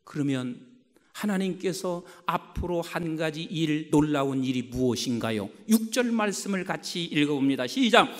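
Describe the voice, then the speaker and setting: A man's voice: on the high side, animated, moderate pace, in a large hall. A male pastor preaching a sermon, stressing his points and leading the congregation in reading scripture aloud together. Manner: emphatic preaching with congregational call-and-response readings.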